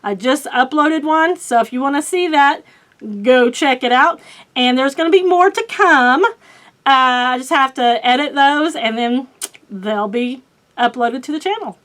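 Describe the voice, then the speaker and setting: A talkative middle-aged woman with a strong Oklahoma accent, her voice sitting high. She rambles in a loose, friendly way, full of ums and little laughs at her own expense, like a book vlogger talking straight to her viewers. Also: a little slow, a bit bright. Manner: chatty, rambling with many fillers, laughs at herself. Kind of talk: casual chat.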